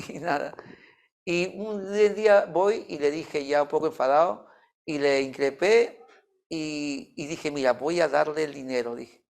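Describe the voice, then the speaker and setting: Gravelly man telling a story. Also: fairly high pitch. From Peru. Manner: storytelling, acting out both sides of a dialogue. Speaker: youth group leader. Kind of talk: informal church talk with a personal story.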